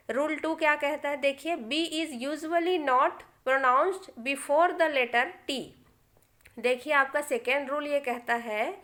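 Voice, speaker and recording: A woman teacher with an Indian accent explains pronunciation rules to her students. Her voice sits high and her pace is slow and deliberate, and she spells out each rule with patient care. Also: fairly bright tone. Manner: slow, explanatory, addresses students as children, reads rules aloud very slowly. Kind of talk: English pronunciation lesson explained in Hindi.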